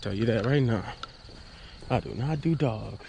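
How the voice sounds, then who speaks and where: A man's voice: mid-range voice, unhurried, vocal fry, dark tone. A young man vlogging a giveaway, chatty and joking with a nervous edge, talking from inside a car at night. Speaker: YouTuber doing a giveaway. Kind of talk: casual vlog narration. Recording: noisy vlog audio with car noise.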